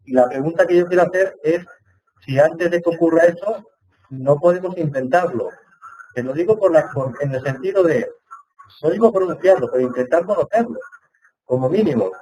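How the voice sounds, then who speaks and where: A man's voice: a little high, mellow, breathy edge, rough recording. A man attending an online Hebrew seminar, asking long winding questions and thinking aloud, on a computer mic. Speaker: seminar participant.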